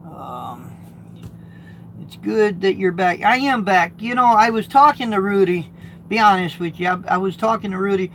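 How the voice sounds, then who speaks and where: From his truck, a middle-aged American driver who hosts videos reads out viewer comments at a moderate pace with lively intonation. The voice is high-pitched, gravelly and a bit bright; he rambles, repeats words and restarts frequently. It's a rough recording with a little hiss or hum.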